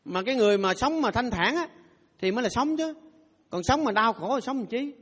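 A man's voice: very high-pitched, animated, a little fast, fairly bright tone. A Buddhist monk giving a playful, humorous dharma talk, leading his audience in call-and-response chanting. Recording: long hall reverb.

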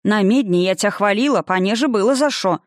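A woman's voice: mid-range voice, a little fast, no echo, studio quality, close to an everyday voice. A woman reading a stern, grumbling old village witch grandmother in a rustic, old-fashioned dialect. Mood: scolding.

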